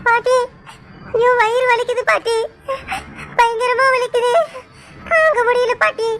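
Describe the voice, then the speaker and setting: A woman's voice: very high voice, fairly even intonation, a little slow, fairly bright tone. A woman voicing a wronged young pregnant wife who sobs and laments. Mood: wailing in pain. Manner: sobbing, lamenting. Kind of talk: cartoon voice acting. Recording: background music under voice.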